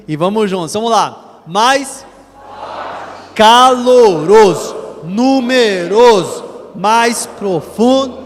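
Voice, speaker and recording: A male Brazilian pastor preaching to a large church, energetically drilling the congregation in chanted repetition. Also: sits high. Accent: Brazilian Portuguese. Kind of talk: sermon leading congregation call-and-response. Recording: church hall reverb, faint ambience.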